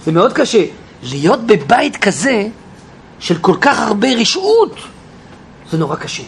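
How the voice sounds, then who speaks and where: A man teaching a Bible class in an animated way, questioning his listeners and acting out quotes. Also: high voice, vocal fry, a little hiss or hum. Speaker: Torah teacher. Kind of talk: lively Bible class lecture.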